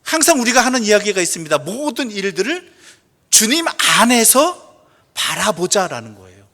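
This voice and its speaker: A male pastor preaching a sermon, asking the congregation questions, answering them himself, and reading scripture slowly and softly. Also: high-pitched, sing-song. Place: church sanctuary. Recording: long church reverb.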